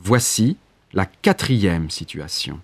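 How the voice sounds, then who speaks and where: A man with a fairly low voice reads exam instructions very slowly. His delivery is formal and neutral, and the sound is dry, without room echo. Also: big pitch swings, creaky, husky. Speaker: exam narrator giving instructions. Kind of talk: scripted test instructions.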